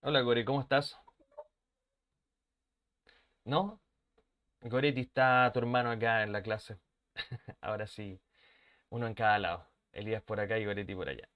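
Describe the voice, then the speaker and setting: A man who speaks natively, teaching a live online English lesson, explaining in mixed with English and slowly repeating example words. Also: on the low side, steady tone, fairly bright tone. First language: Spanish.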